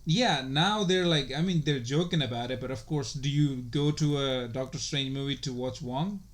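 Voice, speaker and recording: A man's voice: medium pitch, moderate pace. A man co-hosting a podcast, chatting casually and rambling with lots of swearing and filler words. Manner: rambling, profane, full of "like" and "you know". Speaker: podcast co-host. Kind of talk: casual chat.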